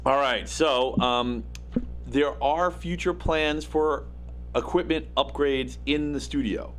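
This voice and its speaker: Speaking slowly at a medium pitch, this host has a gravelly, raspy, slightly nasal voice with a somewhat bright edge. He's running a casual livestream from his home studio, meandering with plenty of filler words and jokes at his own expense. A faint hum from the electronics sits under his studio microphone.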